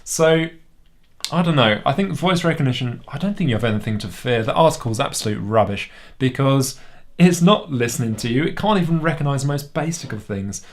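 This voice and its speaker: At home, a British-accented man reviews a toy casually, speaking in a mid-range, animated, brisk voice. His tone is sceptical, wry and conversational.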